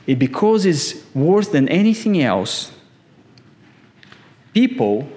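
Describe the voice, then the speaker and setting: Slow-preaching man. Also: mid-range voice, darkish tone. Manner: slow, emphatic preaching, rising on key words. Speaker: pastor. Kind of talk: sermon.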